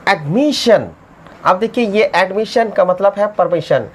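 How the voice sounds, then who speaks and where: A woman teaching a spelling lesson in Hindi, spelling English words slowly letter by letter and urging viewers to subscribe. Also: mid-range voice, lively intonation, a little mellow.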